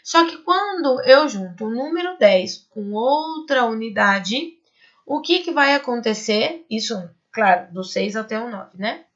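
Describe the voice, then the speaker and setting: A woman teaching a Spanish class to high school students, explaining step by step and checking in with quick tag questions. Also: lively intonation, fairly bright tone, dull audio. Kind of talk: online class lesson.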